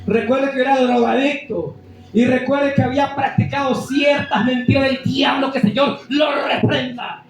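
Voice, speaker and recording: A man preaches his testimony at full shout, his voice pitched very high. He sounds distant from the mic, and the church hall around him rings with heavy echo while soft music plays underneath. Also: steady tone, normal speed. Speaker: evangelist.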